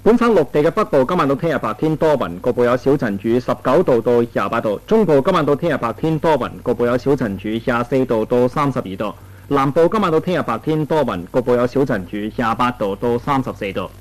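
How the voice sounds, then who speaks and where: Cantonese newsreader on old VHS tape. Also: male voice, medium pitch. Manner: steady, measured broadcast delivery. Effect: old VHS tape recording. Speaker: news anchor. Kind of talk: formal news and weather reading.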